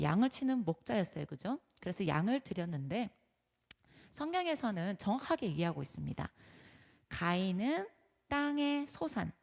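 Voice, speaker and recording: A woman's voice: medium pitch, gravelly, darkish tone. A woman preaching a children's sermon as a story. She asks the kids questions and answers them herself. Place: church sanctuary. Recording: live church stream with long hall reverb.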